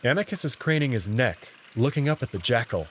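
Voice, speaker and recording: A man narrates a visual novel story in the first person, his mid-pitched voice expressive and a little fast. Faint running water can be heard behind him, along with a little hiss or hum.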